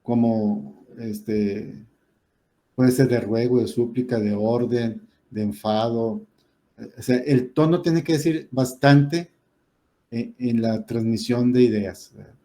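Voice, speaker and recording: A man's voice: mid-range voice, takes it slowly, mellow. A man teaching a grammar lesson, explaining patiently and often checking in with "¿verdad?". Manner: patient, explanatory, many "este" fillers and rhetorical "¿verdad?".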